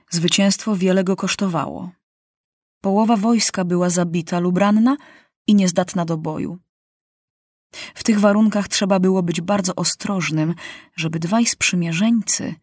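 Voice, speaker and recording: A woman narrating a children's novel aloud in a measured, dramatic reading style. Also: lowish voice, a little mellow, breathy edge, no echo, clean studio sound. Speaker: audiobook narrator. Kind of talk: storybook reading.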